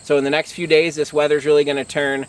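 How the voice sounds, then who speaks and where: A man's voice: on the high side, level tone, fast, roomy sound, recorded from a distance. A middle-aged American man talking casually to camera as a hunting vlog host, conversational and matter-of-fact.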